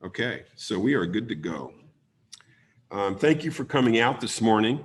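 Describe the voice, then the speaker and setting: A man with a raspy voice from a cold, hosting a community town hall and leading a prayer, speaking haltingly with many ums. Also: on the low side, big pitch swings.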